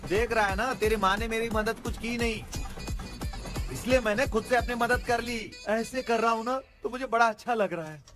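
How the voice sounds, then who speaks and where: A man's voice: very high voice, moderate pace. A man in a Hindi dub, playing a careless, playful father who talks in a sing-song way. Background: music.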